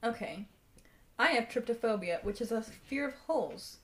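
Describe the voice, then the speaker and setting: A woman with a fairly high voice co-hosts a podcast. She speaks casually, as if in a chat among friends. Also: lively intonation, normal speed. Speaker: podcast co-host.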